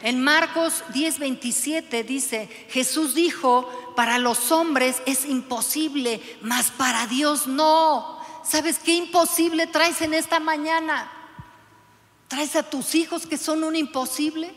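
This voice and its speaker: A woman's voice: sits high, fairly even intonation, slow, fairly bright tone, big-room sound. A woman pastor preaching a sermon, fervently urging her congregation with direct questions.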